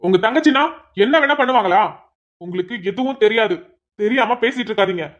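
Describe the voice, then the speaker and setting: A woman's voice: on the high side, expressive, lo-fi sound, lightly acted. A woman doing a furious, domineering young husband. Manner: commanding, harsh, rapid. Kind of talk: cartoon voice acting.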